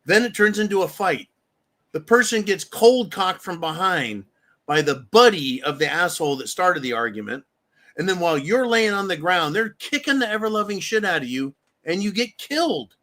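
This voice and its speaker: A man's voice: sits high, animated, moderate pace, fairly bright tone. A man hosting a live stream, talking bluntly with heavy profanity and acting out the people he talks about. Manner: blunt, profane ranting, acts out quoted voices. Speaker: livestream host. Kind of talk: casual live-stream commentary.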